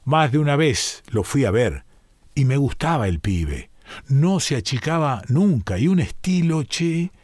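A man's voice: mid-range voice, very animated, measured pace, a little mellow, dry recording, clean studio sound. A man with a Rioplatense Spanish accent, performing a first-person story reading in a musing, colloquial way, his phrases often falling away. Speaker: reader performing a monologue.

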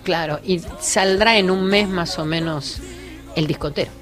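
A woman with an Argentine accent talks in a fairly low voice, chatty and warm, as a singer on a radio interview. Faint music sits behind her. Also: moderate pace. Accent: Argentine Spanish. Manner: warm, chatty, laughs easily. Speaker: singer, guest.

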